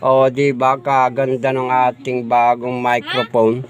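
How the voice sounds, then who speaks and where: A man's voice: medium pitch, monotone, measured pace. A middle-aged man, chatting casually in a vlog as he shows off and sound-checks his new microphone, repeating his filler phrases often. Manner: chatty and repetitive, says "guys" and "oh, di ba" often; does mic sound checks, sometimes stepping away from the mic. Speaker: vlogger showing off a new microphone.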